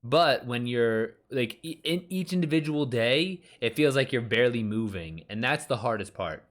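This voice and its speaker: A man's voice: medium pitch, lively intonation, moderate pace, a bit bright. Thirties male author-streamer, loose and rambling, restarts his sentences, chats with viewers. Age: 30s. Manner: rambling, chatty, many fillers and restarts; talks back to chat readers. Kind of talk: casual live-stream chat. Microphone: streaming mic.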